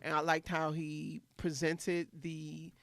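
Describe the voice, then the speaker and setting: A woman's voice: low-pitched, level tone, slow pace, no room sound. A woman co-hosting a podcast in casual chat, rambling and profane, drifting off on tangents. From studied in Philadelphia. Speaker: podcast co-host.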